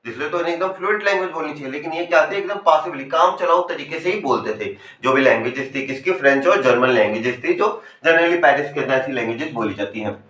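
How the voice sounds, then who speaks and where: A young man from Rajasthan teaching a class 10 English story, reading each line slowly and then explaining it in chatty Hindi. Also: a little high, fairly bright tone, roomy sound. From Rajasthan, India. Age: young adult.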